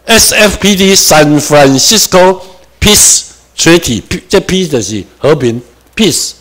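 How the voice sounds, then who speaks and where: This is a man with a Taiwanese accent giving a lecture to a class. His voice sits a little high for a man and swings up sharply whenever he stresses a point. He moves between Hokkien and Mandarin with English words mixed in. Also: takes it slowly. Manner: animated, with sudden rises in pitch and volume for emphasis. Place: lecture room.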